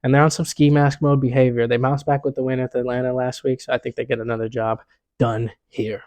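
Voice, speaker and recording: A man's voice: mid-range voice, little pitch movement, a little fast, darkish tone, no echo. A young man hosting a casual sports picks vlog, talking in a laid-back, slangy way full of "you know what I'm saying".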